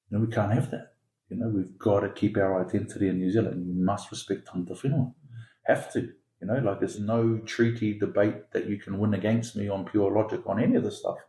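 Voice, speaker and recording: A male podcast guest from Singapore, founder of an education academy, speaks in a warm, low voice during a conversational interview. His delivery is emphatic and insistent, circling back repeatedly and developing his points through an extended metaphor. The recording sounds roomy.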